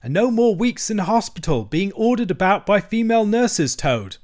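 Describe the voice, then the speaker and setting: A man's voice: high voice, sing-song, normal speed, darkish tone, pitched above the performer's own voice. A man voicing an earnest, caring male mole from a storybook, grave and reassuring in manner. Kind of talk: storybook character voice.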